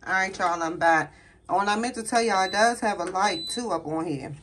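With a noisy background behind her, a woman talks fairly quickly in a medium-pitched voice during a casual cooking video shot on her phone in a home kitchen. As a home cooking vlogger, she's chatty and folksy, calling her viewers "y'all."

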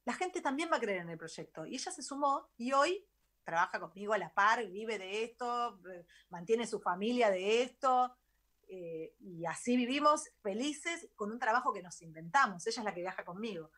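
A middle-aged woman with a Rioplatense Spanish accent, a guest telling her story in a chatty, animated radio interview. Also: on the high side, normal speed. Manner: animated, chatty, laughs easily. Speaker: guest, travel author. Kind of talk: casual interview talk.

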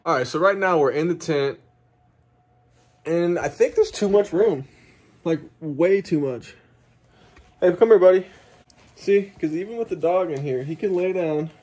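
A young man casually walking through his camping gear in a home basement, talking to a handheld phone camera in a relaxed, chatty way. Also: on the high side. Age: young adult. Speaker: outdoor gear vlogger. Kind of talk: casual vlog walkthrough. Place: home basement room, indoors. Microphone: phone camera held close.

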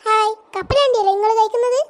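Brief: naive squeaky cartoon auntie, very high voice. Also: female voice, fast. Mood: bickering. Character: naive chatty middle-aged woman, Pathu. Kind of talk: cartoon voice acting.

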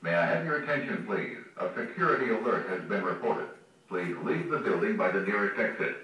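Man's calm security alert over intercom. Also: lowish voice, highs cut off. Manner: calm, measured, repetitive. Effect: over a building intercom. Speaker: building announcement. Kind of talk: recorded looping alarm announcement. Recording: echoey loudspeaker heard from far off.

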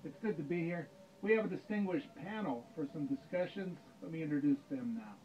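A middle-aged man giving a joking keynote speech in a dim home planetarium room, dry and deadpan, speaking into a stand mic. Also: a little high, brisk, dull audio, slight background noise. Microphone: stand mic, camera in front.

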